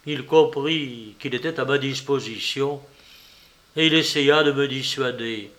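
Brief: male audiobook narrator, measured and dramatic, slow delivery, bright tone. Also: medium pitch. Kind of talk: audiobook reading of a classic novel.

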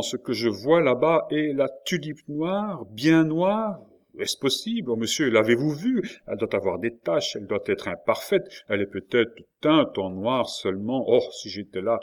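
Guy reading a sad pleading prisoner for an audiobook, lowish voice, mournful. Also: moderate pace, hardly any pauses, lightly acted. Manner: pleading, sorrowful. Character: melancholy male prisoner, pleading, heartbroken.

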